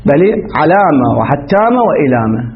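A man's voice: a little high, big pitch swings, brisk. A man teaching a classical grammar lesson, explaining step by step and quizzing his students with questions. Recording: dull lo-fi recording.

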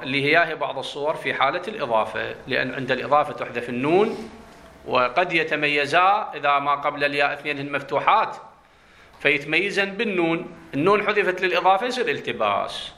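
A man's voice: a little high, fast talker, bright, forceful tone. A man with an Iraqi Arabic accent giving a grammar lesson, explaining at length, repeating his points and checking that his students follow. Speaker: teacher.

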